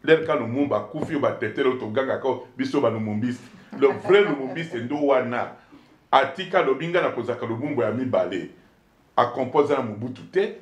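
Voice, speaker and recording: A man with a Congolese accent, a politician being interviewed, telling his story in an animated, emphatic way and switching between two languages. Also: medium pitch. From Democratic Republic of the Congo. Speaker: politician guest. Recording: echoey room.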